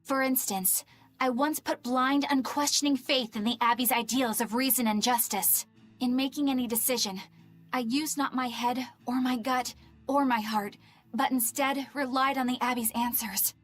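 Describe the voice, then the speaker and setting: A woman's voice: high voice, fairly even intonation, normal speed, soft background music, natural voice. An actress playing an earnest, principled young woman exorcist in a video game, speaking resolutely. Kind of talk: game voice acting.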